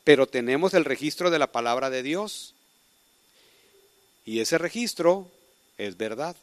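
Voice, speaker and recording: Emphatic male preacher with crisp dry sound. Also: on the high side, expressive, measured pace, dry recording. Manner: emphatic, with sudden swings in loudness. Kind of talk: sermon.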